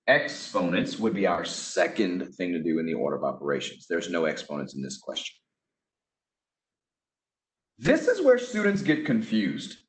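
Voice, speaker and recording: A man teaching a casual math lesson, talking through each step with chatty, offhand asides. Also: low-pitched. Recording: echoey room.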